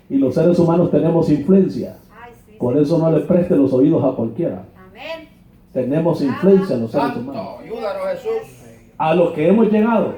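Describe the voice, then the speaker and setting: A pastor from Honduras preaching a sermon in a church, colloquial and mocking, acting out quoted dialogue. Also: male voice, on the high side. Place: church hall. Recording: echoey church, dull lo-fi sound.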